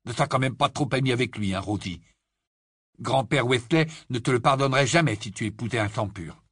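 A man's voice: medium pitch, a little fast, fairly bright tone, husky, no echo, clean studio sound. A man voicing a joking, teasing father in an audiobook reading. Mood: sheepish. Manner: joking, sheepish. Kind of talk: audiobook character voice.

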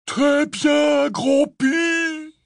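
A man voicing a huge, big-hearted bearded half-giant gamekeeper who talks loud, breathless and gushing. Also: on the low side, steady tone, slow, breathy edge, dry recording, clean studio sound. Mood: overjoyed.

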